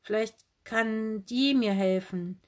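An eager, anxious little girl from a children's story, played by a woman. Her voice sits high and pushes forward urgently as she pleads for help. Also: slow pace.

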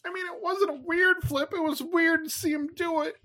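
A woman's voice: very high voice, steady tone, normal speed, bright, forceful tone. A woman voicing an anxious male cat who tells a story in a rambling, teary way.

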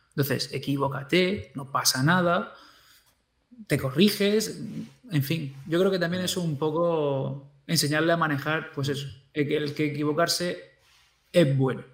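Animated schoolteacher man, echoey room. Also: fairly high pitch, unhurried, vocal fry. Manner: animated, acts out quoted speech to pupils. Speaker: teacher. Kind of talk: casual conversation.

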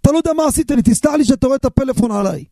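Man putting on a weepy middle-aged man, high strained voice, gravelly, pleading. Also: expressive, warm tone, dry recording, studio quality. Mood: tearful. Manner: sobbing, pleading. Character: tearful middle-aged man, deeply moved.

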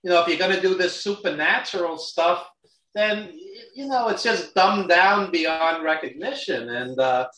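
A man's voice: high-pitched, normal speed, bright, forceful tone. A man from New York with a Brooklyn accent, chatting casually in a blunt, opinionated way as a guest. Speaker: guest, wrestling industry insider. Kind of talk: casual chat. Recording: roomy, echoey, distant from mic.

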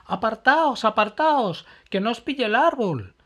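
A man voicing a brave young girl who urges and shouts orders to her friends. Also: on the high side, wildly swooping pitch, measured pace, pitched above the performer's own voice, full character voice. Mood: shouting. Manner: urgent, shouting commands.

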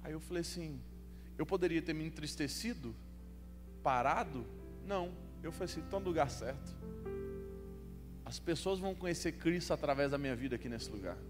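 High-voiced Brazilian preacher, echoey church. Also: male voice, a little fast. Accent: Brazilian Portuguese. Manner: lively storytelling with humor, rising to emphatic calls. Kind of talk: sermon. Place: church hall. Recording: echoey church hall, faint music.

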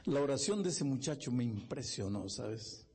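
A man's voice: lively intonation, moderate pace, noisy background. A male pastor preaching a sermon, telling a story with impassioned, building emphasis in a church. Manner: impassioned, building to loud high-pitched emphasis.

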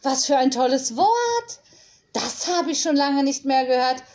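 A whimsical nanny speaks in a bright, high voice full of playful calm, voiced by a woman reading a storybook. She takes her time over every word, relaxed and unflappable. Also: a little slow. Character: cheerful whimsical female nanny teacher.

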